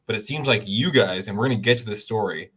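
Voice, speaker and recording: Male podcast host, bright tense tone, lowish pitch, friendly, self-correcting. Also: fast, breathy edge. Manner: friendly, self-correcting, stumbles over names. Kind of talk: casual interview chat.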